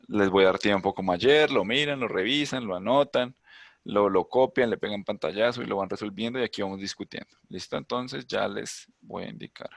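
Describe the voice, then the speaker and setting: A man's voice: on the low side, brisk, creaky, no room sound. A man teaching an online English class, explaining chattily with asides and rhetorical questions.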